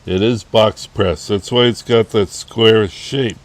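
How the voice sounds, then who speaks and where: A man's voice: fairly low pitch, slow pace. A man co-hosting a cigar review, chatting casually outdoors and explaining with lots of fillers. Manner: relaxed, explains with many fillers. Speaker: co-host of a cigar review channel. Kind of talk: casual chat.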